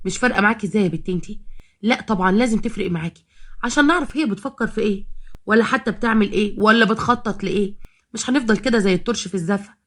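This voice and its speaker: A scheming young Egyptian wife, played by a woman storyteller, sarcastic and defiant. She rattles her lines off quickly at a middle pitch in a storybook telling. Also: a bit bright, lightly acted. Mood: prying. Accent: Egyptian Arabic.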